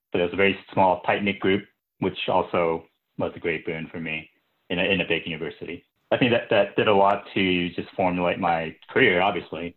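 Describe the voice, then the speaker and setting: A man from Japan, a podcast guest, recalling his path in a reflective, relaxed way. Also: low voice. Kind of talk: interview answers. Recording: tinny phone-like line.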